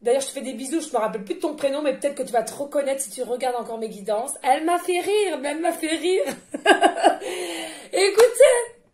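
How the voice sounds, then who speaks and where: A woman giving a casual tarot card reading in a loud, carrying voice, chatty, laughing often and filling pauses with hesitations. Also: high-pitched. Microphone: no microphone, picked up by the device directly.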